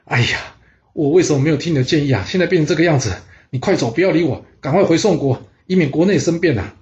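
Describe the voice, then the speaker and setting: A man's voice: fairly high pitch, quick pace, a little mellow, natural voice. A man voicing a proud, stubborn ancient duke who insists on his rank, in a storytelling reading, on a dull lo-fi recording. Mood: anxious. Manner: indignant, insistent.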